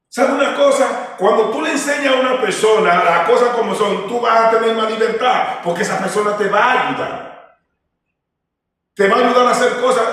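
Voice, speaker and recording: A man's voice: high-pitched, fairly bright tone. A man preaching an informal sermon, rambling through personal stories with restarts and acted-out dialogue. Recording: echoey hall, far from the mic.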